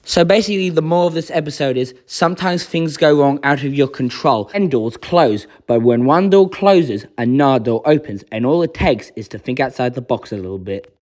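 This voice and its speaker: A man's voice: mid-range voice, normal speed, few pauses, darkish tone. A man hosting his own video, explaining his views in an earnest, explanatory way and now and then acting out quoted lines. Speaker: channel host reviewing a children's show episode. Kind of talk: casual video commentary.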